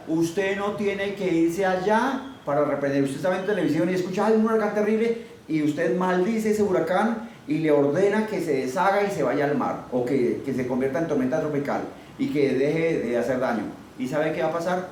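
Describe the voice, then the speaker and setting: A man's voice: a little high, a little mellow. A man preaching a sermon emphatically, firing rhetorical questions at his listeners. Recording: very echoey, far from the mic, faint noise.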